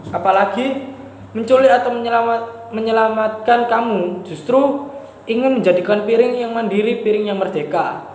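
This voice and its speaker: A man acting a scornful, lonely prisoner, high-voiced, reverberant room with faint hiss. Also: normal speed, a little mellow. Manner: scolding and pleading with a tin plate. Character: Siwi, a jailed man, scornful yet lonely. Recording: echoey room with faint noise.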